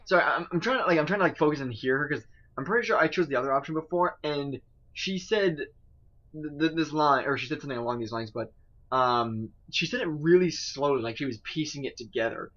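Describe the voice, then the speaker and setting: A man's voice: fairly high pitch, lively intonation, a little fast, fairly bright tone, lo-fi sound. Rambling man musing over a game. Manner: rambling, filler-heavy musing. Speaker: gaming video host. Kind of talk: let's-play commentary.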